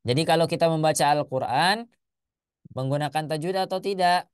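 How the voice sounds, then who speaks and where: A man teaching a Quran recitation class, asking his students questions and slowly chanting Arabic examples. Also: on the high side, clear, resonant tone, no room sound, clean studio sound. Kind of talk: classroom lesson.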